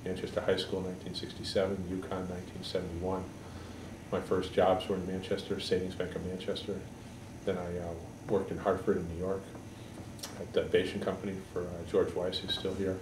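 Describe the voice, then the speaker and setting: Low, flat-voiced man in his sixties. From Connecticut, USA. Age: 60s. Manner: halting, measured explanations. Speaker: political candidate. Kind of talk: newspaper editorial board interview. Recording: echoey room, mic far off, background noise.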